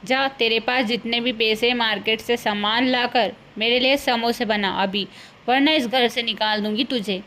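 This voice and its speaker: A woman's voice: fairly high pitch, steady tone, moderate pace, fairly bright tone, slight background noise, natural voice. A woman voicing a scolding, greedy older village mother-in-law in a cartoon, bossy and scornful. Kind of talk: cartoon voice acting.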